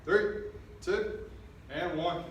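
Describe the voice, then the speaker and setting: A man with a fairly high voice drives a workout as an aerobics instructor, using short motivating commands and counts. He sounds far from the mic in a strongly reverberant space with slight noise. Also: extremely slow. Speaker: fitness coach. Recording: very echoey room, distant mic, faint noise.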